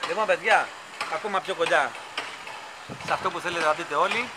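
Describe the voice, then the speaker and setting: A man casually narrating a vlog outdoors on a construction site, chatty and enthusiastic, filmed on a handheld camera mic. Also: fairly high pitch. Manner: chatty, rambling, enthusiastic fan talk. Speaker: vlogger filming a stadium construction site. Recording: loud construction site noise.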